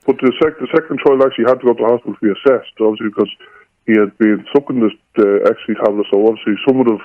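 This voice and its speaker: A man's voice: medium pitch, fairly even intonation, very fast. A father, his voice electronically disguised, telling plainly what happened in a recorded radio interview. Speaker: father of a schoolboy. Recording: tinny phone-like line.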